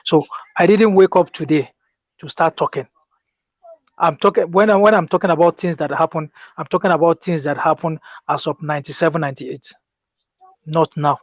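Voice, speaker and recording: Speaking at normal speed in a steady, highish voice, a Nigerian man insistently explains his own experience as a political discussion guest. The call recording is dull, dry, and lo-fi with no echo.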